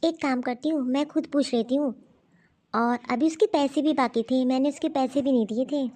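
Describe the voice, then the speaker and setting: A woman with a high-pitched voice, speaking at normal speed, performs a calm but busy young daughter-in-law in an animated cartoon story. The character is puzzled and often speaks to herself.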